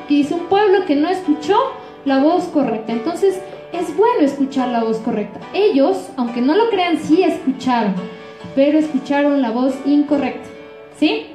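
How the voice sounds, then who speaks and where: Woman pastor, Ecuadorian accent, high mellow voice, rhetorical questions, echoey church, faint music. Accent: Ecuadorian Spanish. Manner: frequent rhetorical questions to the congregation. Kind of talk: sermon.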